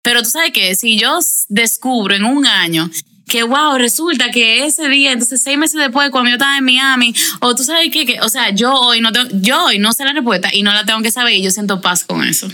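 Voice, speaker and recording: A woman's voice: on the high side, a little fast, sharp tone. A young woman, talking reflectively as a podcast guest over a video call, repeating phrases and restarting.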